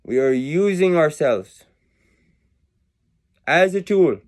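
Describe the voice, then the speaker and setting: Man, rambling philosophical monologue, self-mocking, shifting accent, lively swooping pitch, unhurried. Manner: meandering, self-mocking, drifting in and out of a put-on accent. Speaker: video creator musing on numbers and words.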